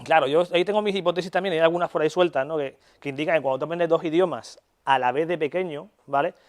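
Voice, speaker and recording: A man's voice: a little high, quick pace. Chatty Spanish man lecturing casually. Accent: Spanish (Spain). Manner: casual, chatty, frequent "¿vale?" check-ins; colloquial, swears in jest. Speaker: neuropsychology lecturer. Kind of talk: university lecture.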